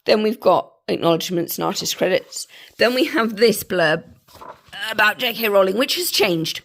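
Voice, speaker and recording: A woman, croaky from a cold, casually reviewing a book in a chatty vlog with dismissive asides. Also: mid-range voice, expressive, moderate pace, a bit bright.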